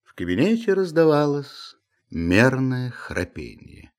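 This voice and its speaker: A man reading a classic novel aloud in a measured, expressive storytelling manner. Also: medium pitch. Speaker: audiobook narrator. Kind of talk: literary audiobook reading.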